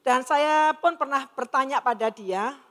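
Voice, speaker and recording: A woman's voice: sits high, a little slow, a bit bright. A middle-aged woman giving an earnest personal testimony to an audience in a large hall, acting out the dialogue she quotes as she tells her story. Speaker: testimony speaker. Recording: long reverb of a large hall.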